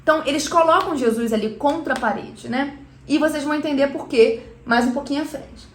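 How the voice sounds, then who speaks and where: High-voiced Brazilian woman teaching Bible. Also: a little fast, a little hiss or hum. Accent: Brazilian Portuguese. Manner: explains earnestly and speaks straight to viewers. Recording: roomy echo.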